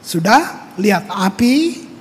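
A man, preaching a conversational sermon as pastor, animated and repeating words for emphasis. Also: takes it slowly. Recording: reverberant hall with faint rumble.

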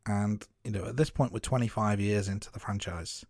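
A man co-hosting a podcast, giving measured, note-by-note commentary on a film. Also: lowish voice, steady tone, a little mellow, dry recording, studio quality. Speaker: podcast co-host. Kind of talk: casual film review chat.

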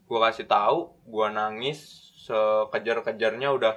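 A young man in casual slang-heavy chat, telling a personal story, laughing often and going low and quiet over the hard parts. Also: fairly even intonation, moderate pace.

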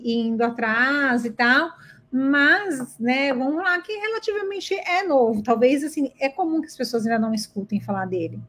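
A woman interviewer who asks questions and explains matters in an explanatory, reassuring conversational tone. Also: high-pitched.

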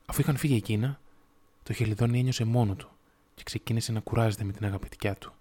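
A man reading a fairy tale aloud in a measured, steady storytelling manner. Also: on the low side, breathy edge. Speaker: audiobook narrator.

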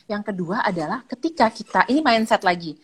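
A woman speaking as a child psychologist in a casual chat, animated, acting out parents' lines with lively intonation and mixing in English words. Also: medium pitch, fairly quick, slightly rough. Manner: mixes English words into speech. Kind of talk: casual live-stream chat.

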